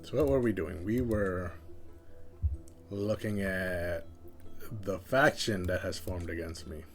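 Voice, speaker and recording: A man with a lowish voice talks through a strategy game on a live stream. He muses aloud and keeps second-guessing his moves. Faint game music plays quietly behind him. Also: takes it slowly. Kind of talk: casual live-stream gameplay commentary.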